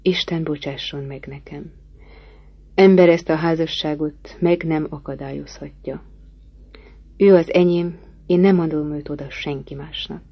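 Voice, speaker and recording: A passionate, brooding gentleman pleads his love in a low, husky voice, as a woman reader puts him on. The tone is dark and mellow, storybook-style, urgent and ardent throughout. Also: steady tone, no room sound, full character voice. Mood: intense.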